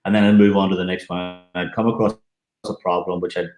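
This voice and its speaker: A man's voice: deep voice, flat delivery, a little fast, a little mellow, faint music behind. A man, a musician guest telling anecdotes in a casual interview. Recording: roomy, echoing sound.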